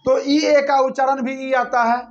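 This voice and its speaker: A man's voice: extremely high pitch, flat delivery, normal speed, muffled recording. A male teacher giving a classroom lesson, drilling students by repeating his questions and answers back and forth.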